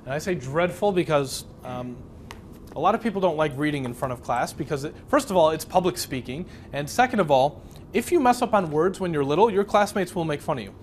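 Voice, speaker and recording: A young speed reading instructor from Chicago, USA, whose first language is Polish, runs a live workshop conversationally and asks the audience many questions. His voice is on the high side, animated and fairly quick, with a little hiss or hum.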